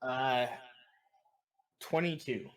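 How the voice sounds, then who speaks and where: A tabletop game player talks slowly and casually. The phrasing is hesitant and comes out in small pieces, like someone working out a move while chatting. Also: medium pitch, lively intonation, slight background noise.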